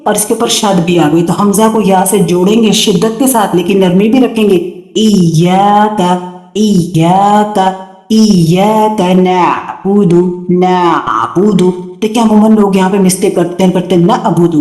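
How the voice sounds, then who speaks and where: A woman teaching tajweed in an online class, patient and encouraging, slowly repeating words for her students. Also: medium pitch, steady tone, dark tone, roomy sound, soft background music. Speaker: Quran recitation teacher. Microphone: computer mic in an online video class.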